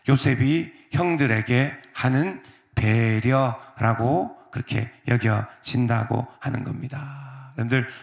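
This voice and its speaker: A male pastor preaching a sermon, talking in a conversational way with many fillers and softly acting out quoted lines. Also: medium pitch. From South Korea. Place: church sanctuary. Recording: echoey church sanctuary.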